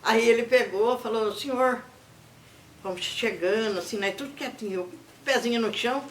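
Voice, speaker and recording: An older woman with a Brazilian accent, telling family stories in a lively way and acting out the people she quotes. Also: a little high, normal speed, echoey room, a little hiss or hum. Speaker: interviewee. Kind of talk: oral history storytelling.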